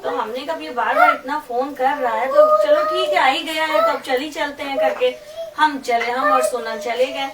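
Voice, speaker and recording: A woman's voice: sits high, very animated, moderate pace. A middle-aged woman giving a testimony to a congregation, telling a story and quoting what others said. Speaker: church member giving testimony. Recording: echoey room from far off, noisy.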